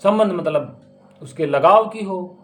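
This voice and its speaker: A man's voice: high-pitched, a little slow, a bit bright, faint music behind. A man giving a spiritual discourse on scripture, speaking emphatically and posing rhetorical questions. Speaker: spiritual teacher.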